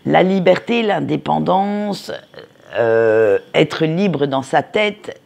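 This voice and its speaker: Slow, gravelly, hesitant with fillers, weekly card reading, direct gentle advice. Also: mid-range voice, lively intonation. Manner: hesitant, frequent fillers and restarts; gentle advice-giving, addresses listeners directly. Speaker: tarot and oracle card reader.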